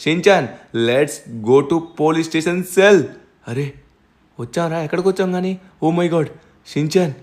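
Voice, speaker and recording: A man narrating and voicing the lead in a game role-play story, brisk and reassuring. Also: a little high, a little mellow. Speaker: narrator and player.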